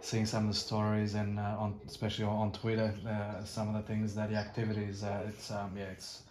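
A lowish, flat-voiced man hosts an online community call, stumbling and repeating himself. He sounds echoey, with faint noise behind him. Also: fairly quick. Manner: rambling, stumbling praise with repeated words.

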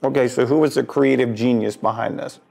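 A man's voice: medium pitch, steady tone, a little fast, vocal fry, darkish tone, soft background music. A man in his forties hosting a restaurant show, asking questions in an upbeat, joking way. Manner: upbeat, joking, eats while talking. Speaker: show host. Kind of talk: casual interview. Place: brick-walled restaurant booth, indoors. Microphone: lapel mic.

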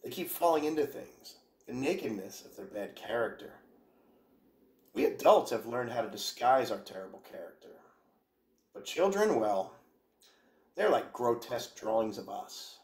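A man sits at home reading quotations aloud, pausing after each to add a dry, wry aside. His voice sits in the middle range. It rings in a roomy space. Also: medium pitch, sing-song, a little mellow. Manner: reads quotes aloud then adds wry asides. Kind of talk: casual reading and commentary. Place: home during quarantine. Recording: roomy echo.

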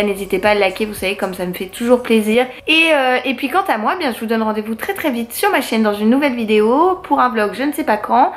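A chatty young woman in her twenties rambles casually to camera, full of fillers and restarts. Her voice sits a little high. The room around her rings with echo. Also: slight background noise. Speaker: vlogger. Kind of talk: casual vlog chat to camera. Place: her home, indoors.

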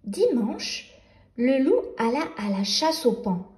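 Slow, high-voiced woman storyteller. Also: very animated, a little mellow, roomy sound. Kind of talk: children's story reading.

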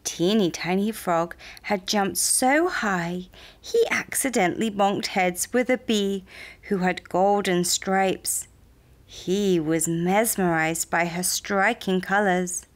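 Woman storyteller for toddlers, unhurried and soft, mid-pitched warm read. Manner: soft, gentle, deliberate. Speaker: storyteller and puppeteer. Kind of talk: slow children's story narration.

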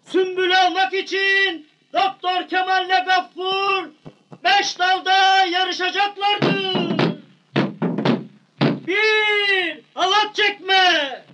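An actor playing a loud town crier in a film comedy, shouting drawn-out proclamations to a village. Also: male voice, extremely high pitch, steady tone, muffled recording, heavily acted. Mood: loud, proclaiming. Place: outdoors in a village street. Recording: noisy old film soundtrack.

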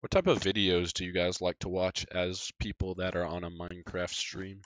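A man with a low voice gives casual, excitable commentary while he plays a game live. He talks straight to his chat between moments of play. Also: normal speed, dry recording, lo-fi sound. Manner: excitable, chatty, talking to chat while playing. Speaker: gaming live streamer.

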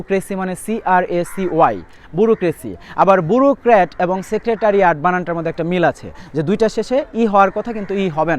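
A young man tutors students preparing for an admission test in English, spelling words out letter by letter. He talks very fast in a fairly high voice, giving a direct spoken lesson.

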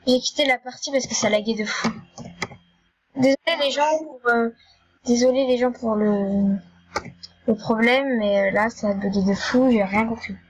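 A woman with a high voice chats her way through an online game, excitable and quick to repeat herself. Her casual commentary tumbles out with stammers and restarts. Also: breathy edge, rough recording. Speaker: gaming YouTuber.

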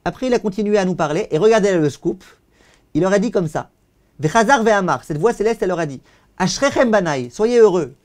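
A man, a rabbi giving a lesson over a video call. He declaims passages loudly, then translates them more calmly, and often repeats words as he searches for them. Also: high-pitched, a little fast. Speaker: rabbi teaching.

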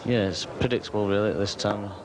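A man's voice: fairly low pitch, steady tone, quick pace. A man co-commentating on darts, giving emphatic analysis during live play. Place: commentary box at indoor tournament. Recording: loud crowd and venue noise.

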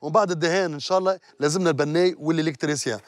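A man's voice: fairly high pitch, rapid-fire, dry recording, studio quality. A man with a Tunisian accent, hosting a TV show outdoors and bantering playfully with a street crowd. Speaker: TV show host.

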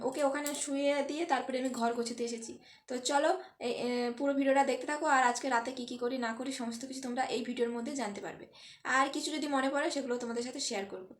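Chatty high-voiced young woman vlogging. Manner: chatty, with many fillers and restarts. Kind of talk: casual vlog chat.

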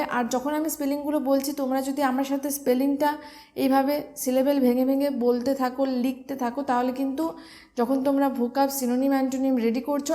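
A woman's voice: sits high, a little mellow. A woman with a Bengali accent teaching English vocabulary for exams, explaining each word step by step and spelling it out letter by letter. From West Bengal, India. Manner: explains step by step, spells words letter by letter, asks and answers own questions. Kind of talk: exam-prep vocabulary lesson.

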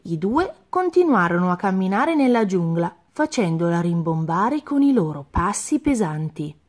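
A woman reading a children's picture book aloud with expressive, sing-song narration. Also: on the low side, moderate pace. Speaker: children's story reader.

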